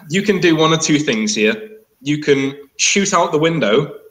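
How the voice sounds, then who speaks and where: A man running a tabletop game as game master, talking casually in a halting, wry way. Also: fairly high pitch, animated, fairly bright tone, roomy sound, rough recording.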